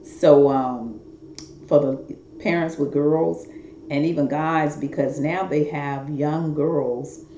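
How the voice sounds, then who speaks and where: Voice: medium pitch, steady tone, slow, mellow, a little hiss or hum. A middle-aged talk show host giving rambling, earnest, repetitive warnings straight to viewers in a casual monologue. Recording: roomy, dull lo-fi recording.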